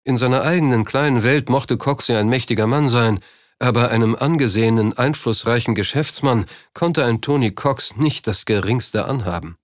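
A man reading a novel as audiobook narrator in a steady, measured way. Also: mid-range voice, no room sound, studio quality.

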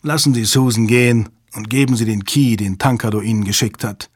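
Narrator voicing a composed commander, husky voice, dry close sound. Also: male voice, mid-range voice, dry recording, natural voice. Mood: calm, cold. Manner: calm, cold, measured. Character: calm, controlled older male commander. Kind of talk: audiobook character voice.

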